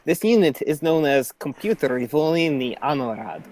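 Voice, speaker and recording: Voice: mid-range voice, moderate pace, a little hiss or hum, natural voice. A player doing a curt, stealthy robot. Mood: terse. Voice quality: quiet, flat robotic delivery. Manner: speaks of itself in third person as "this unit". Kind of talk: tabletop role-play.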